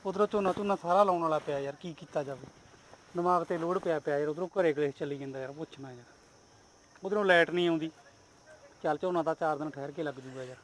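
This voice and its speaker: Man playing a harried farmer husband, high bright voice, quick talk, pleading. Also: a little hiss or hum, lightly acted, rough recording. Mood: fretting. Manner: pleading, apologetic. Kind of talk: village comedy drama.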